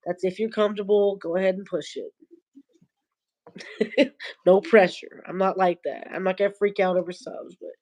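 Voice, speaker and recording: With a steady, medium-pitched, slightly mellow voice at normal speed, a congested woman chats on a late-night livestream, leaving long pauses. She sounds nasal and rambles loosely into her phone camera, a little stoned.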